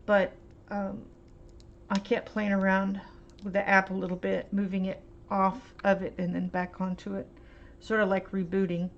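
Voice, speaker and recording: This art vlogger talks her way through a paint swatching demo at home in a rambling, unsure manner, leaning on um and uh to fill gaps. She speaks at a medium pitch that barely rises or falls. Faint hiss runs under the dull, lo-fi home recording.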